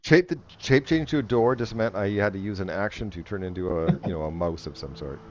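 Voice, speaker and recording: A man's voice: lowish voice, brisk. A man running a tabletop game as game master, narrating casually. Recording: muffled lo-fi audio, music behind.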